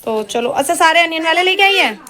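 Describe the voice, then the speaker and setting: A woman's voice: very high-pitched, lively intonation, quick pace, a crowd in the background, low-quality recording. A woman chatting casually in a family vlog, talking to viewers and coaxing the children around her. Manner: chatty, scolds and coaxes children. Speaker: vlogger. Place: family home, indoors and rooftop.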